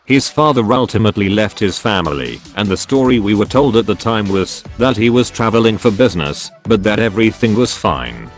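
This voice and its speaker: A man narrating forum posts as a channel host in a steady, even reading. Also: fairly low pitch, fairly quick, few pauses, faint music behind. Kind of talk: scripted narration.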